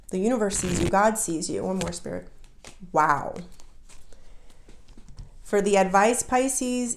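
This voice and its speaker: Female tarot reader, low-pitched, heartfelt and emotional, recorded in a roomy echoey space. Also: darkish tone. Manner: heartfelt, emotional, speaks straight to the viewer. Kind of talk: casual tarot reading to camera.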